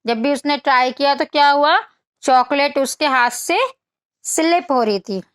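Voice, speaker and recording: A woman's voice: sits high, no echo, studio quality. A woman teacher, telling a children's story as a lesson, asking questions and explaining phrases in Hindi. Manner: asks questions and answers them, explaining English in Hindi; reads English lines very slowly and deliberately.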